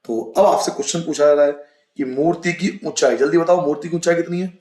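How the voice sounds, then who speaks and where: A man's voice: on the high side, darkish tone, reverberant, poor audio. A male teacher working through a school exam paper, explaining answers and repeating the key points. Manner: explains patiently, repeats key points, reads passages aloud slowly. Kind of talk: exam-prep lesson.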